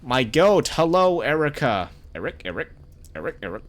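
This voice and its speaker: Streamer guy, animated sing-song voice, curses, greets chat while gaming. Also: medium pitch, normal speed. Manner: chatty, cursing, greets chat between reactions. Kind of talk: live game stream commentary.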